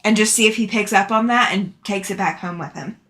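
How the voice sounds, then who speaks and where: A woman's voice: medium pitch, fairly quick, a bit bright. Chatty woman hosting a livestream. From Alabama, southern US. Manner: chatty, affectionate with viewers, laughs often. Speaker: sewing livestream host. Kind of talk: casual chat, reading out and answering live comments.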